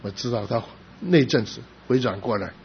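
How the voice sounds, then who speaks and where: A middle-aged man preaching a sermon as a pastor, telling a personal story with rising emphasis and sudden soft drops. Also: medium pitch, moderate pace, creaky. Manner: emotional storytelling, rising to loud emphasis then dropping soft. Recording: slightly dull recording with faint background noise.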